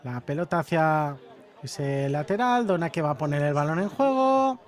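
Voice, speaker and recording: A man's voice: on the high side, expressive, moderate pace. A man giving live play-by-play commentary on a beach soccer match. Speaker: sports commentator.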